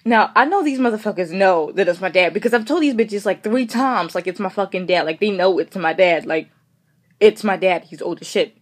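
A woman's voice: mid-range voice, a little fast. A young woman co-hosting a casual chat, ranting sarcastically and swearing freely. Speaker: podcast co-host.

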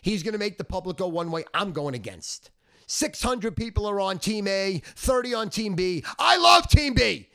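Cocky, brash man with wildly swinging pitch. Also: expressive, normal speed, clean tone. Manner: smug, cocky, boastful; brash, foul-mouthed, emphatic. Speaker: sports betting handicapper. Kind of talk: ranting sales monologue.

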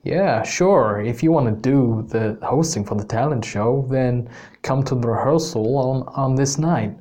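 A man's voice: mid-range voice, unhurried, warm tone, close to an everyday voice. A man voicing a grinning, sly male Canadian teacher with a Canadian accent, easygoing and knowing.

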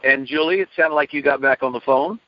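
A man's voice: mid-range voice, brisk, no room sound. A man hosting a radio show in a casual, conversational style. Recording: dull lo-fi radio call audio.

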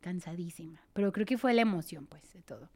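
A woman with a Mexican accent telling a personal story in a casual chat, sinking to a breathy near-whisper in tense parts and acting out others' voices. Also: fairly quick. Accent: Mexican Spanish. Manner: animated, acts out quoted voices louder and higher.

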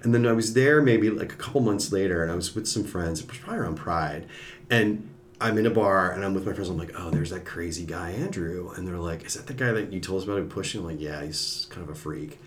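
Fast-talking low-voiced man telling a story. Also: slight background noise. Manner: animated, acts out quoted voices. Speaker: podcast guest, former TV executive. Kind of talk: casual storytelling.

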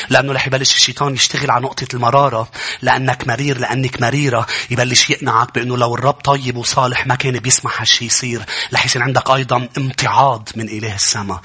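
A man, preaching a sermon as pastor, swinging from quiet, low stretches up to impassioned shouting. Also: breathy edge.

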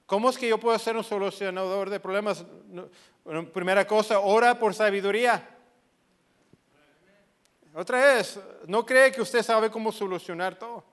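Pastor guy preaching, pretty high voice, lots of rhetorical questions, drops english bits in. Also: moderate pace, a bit bright. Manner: slips into English phrases; acts out quoted voices. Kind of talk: sermon.

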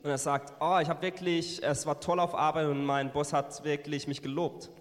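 A man interpreting a sermon line by line into German, often pausing with fillers and correcting himself. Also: fairly high pitch, little pitch movement. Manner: hesitant, frequent fillers and self-corrections. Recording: long hall reverb.

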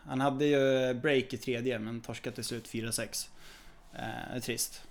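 Male co-host, relaxed, hesitant delivery, mid-pitched voice. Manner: relaxed, hesitant, many fillers and restarts. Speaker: podcast co-host. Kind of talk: casual tennis podcast chat.

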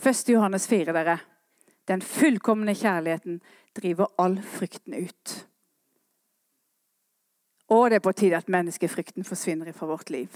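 A woman preaching a sermon, swinging between quiet earnest talk and impassioned rising calls. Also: on the low side, long pauses, no echo, clean studio sound.

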